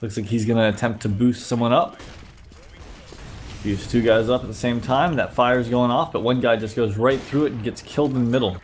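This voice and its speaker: Fairly quick and medium in pitch, a sick man's slightly nasal voice carries casual play-by-play over gameplay footage. He's a YouTube host reviewing the game, and slight background noise is audible.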